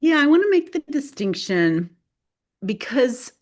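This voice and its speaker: A guest author whose first language is Spanish talks loosely in a casual spoken interview, full of fillers and restarts. Her voice is high with big pitch swings, at a measured pace.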